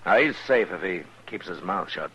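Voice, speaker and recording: An actor playing a stern, steady frontier marshal in an old radio western, terse and matter-of-fact. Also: male voice, low voice, moderate pace. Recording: noisy, muffled old radio broadcast.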